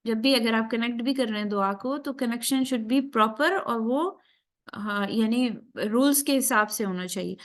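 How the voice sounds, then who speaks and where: Lady tajweed teacher, kinda high voice, keeps asking if everyone's following, mixes in english. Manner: keeps checking in with students after each point; mixes English phrases into Urdu. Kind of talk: class lecture.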